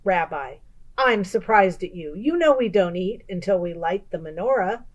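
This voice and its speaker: A woman's voice: fairly low pitch, lively intonation, moderate pace, highs cut off. A woman voicing a kindly, chatty old woman in a children's story, exclaiming and fussing affectionately. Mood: friendly chiding.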